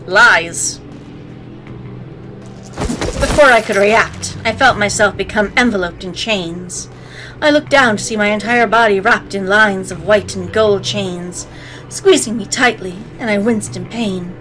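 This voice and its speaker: A woman's voice: mid-range voice, measured pace, background noise. A woman hosting a let's play, reading game narration aloud with playful, sassy commentary. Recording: faint game music behind. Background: game music.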